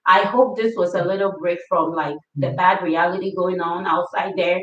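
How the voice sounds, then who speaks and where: A woman hosting a family livestream, reading viewer comments aloud and laughing often in a warm, affectionate way. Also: lowish voice, steady tone, normal speed. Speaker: livestream host. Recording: roomy, distant, dull sound.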